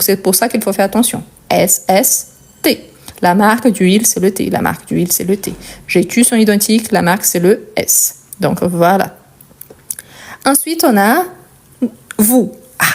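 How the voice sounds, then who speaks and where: A woman's voice: mid-range voice, moderate pace, darkish tone. A woman with a Portuguese accent teaching a French conjugation lesson, explaining patiently step by step and checking in often with the learner.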